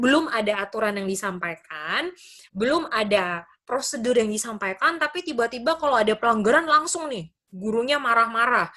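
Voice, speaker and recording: A university lecturer from Indonesia gives a webinar to teachers over a video call, explaining step by step and addressing them as Bapak Ibu. She acts out students' questions along the way. Her voice is a little high with a sharp tone.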